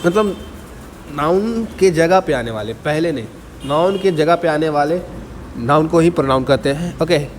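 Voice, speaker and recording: Male exam-prep teacher, somewhat high voice, long reverb, faint ambience; dictates definitions slowly. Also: slight background noise. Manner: mixes Hindi explanation with slowly dictated English definitions; keeps asking students to answer and checks with "ठीक है". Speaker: English teacher. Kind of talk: entrance exam lesson.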